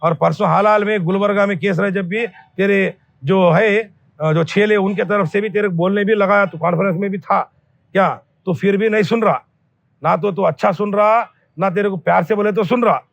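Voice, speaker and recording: High-voiced man issuing a blunt warning. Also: steady tone, normal speed, vocal fry, no room sound. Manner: scolding, blunt, repeats threats. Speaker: local activist addressing a company owner. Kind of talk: angry public warning statement.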